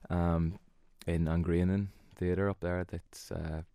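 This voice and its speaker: A musician from Donegal, Ireland, speaks with a Donegal accent in a casual interview, sounding modest, hesitant, and easygoing. His low, mellow voice is level and slow, captured in dry, studio-quality audio.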